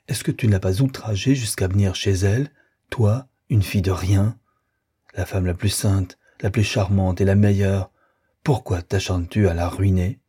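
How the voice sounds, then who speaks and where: A man's voice: on the low side, warm tone, husky. A man voicing a young lover in an audiobook, hurling accusations in a bitter, accusing way and then turning cold. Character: young man, jealous and coldly wounded lover.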